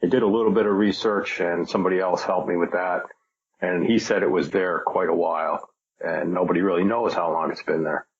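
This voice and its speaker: A man speaking as a podcast guest, in a low, husky voice. He speculates tentatively and often stops to restart his thoughts, and the audio sounds dull and lo-fi. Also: fairly even intonation, fairly quick. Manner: tentative, speculative, many hesitations. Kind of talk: casual podcast interview.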